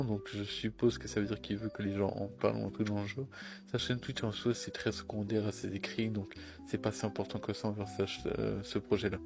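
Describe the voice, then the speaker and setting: A man giving a casual, informal presentation as a presenter introducing a streamer. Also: on the low side. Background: background music.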